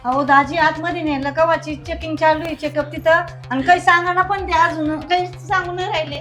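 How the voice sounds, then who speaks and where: A woman plays a young friend in a comedy sketch, gently coaxing everyone to calm down in a very high voice. Soft music sits behind her. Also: a little fast. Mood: chatty. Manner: soothing, coaxing. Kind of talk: comedy skit acting.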